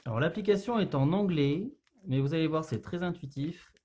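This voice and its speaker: A young French man, a youth center activity leader, giving a relaxed, chatty paper-plane tutorial with frequent hesitations. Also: on the high side, normal speed. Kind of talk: casual tutorial demonstration.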